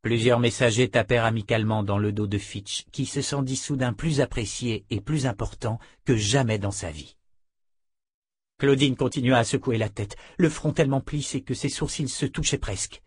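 A male narrator reads a dark novel aloud at a steady, measured pace. His mid-pitched voice has a husky grain. The sound is dry and close. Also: no room sound. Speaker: audiobook narrator. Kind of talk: scripted narration.

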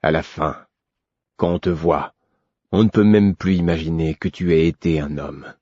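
A man voicing a stern, bitter grown man who has been drinking, speaking with low menace that can flare into roaring anger. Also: fairly even intonation, moderate pace, a little mellow, no echo, dull audio. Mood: brooding, menacing.

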